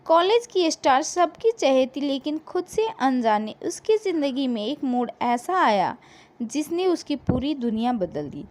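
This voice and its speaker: A female narrator with a high voice and very lively intonation tells a dramatic scripted story, sounding emotive and measured, with pauses.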